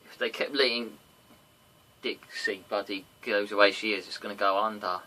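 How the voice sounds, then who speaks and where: A podcast host with a lowish, pushed, bright voice talks at a normal speed with fairly even intonation. He runs a casual wrestling review podcast, chatting and rambling on a noisy home recording, and breaks into silly sung impressions.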